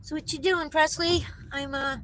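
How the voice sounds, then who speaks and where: A woman's voice: high voice, fairly even intonation, normal speed. A woman chatting casually to her viewers on a phone livestream while she drives, answering their comments as she goes. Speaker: vlogger livestreaming while driving. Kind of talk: casual live chat to viewers. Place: in a car on the road. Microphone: phone mounted in the car. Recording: loud car and road noise.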